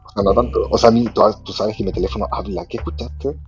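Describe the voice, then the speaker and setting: A man's voice: lowish voice, steady tone, quick pace, a little mellow, faint music behind. A man in casual chat who reacts with short, teasing asides. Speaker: podcast co-host.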